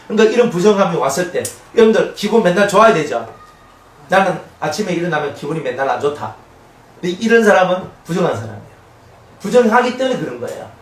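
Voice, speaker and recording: A male pastor preaching an expository sermon, conversational and animated, often asking the congregation questions. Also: sits high. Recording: echoey room, mic at a distance, faint noise.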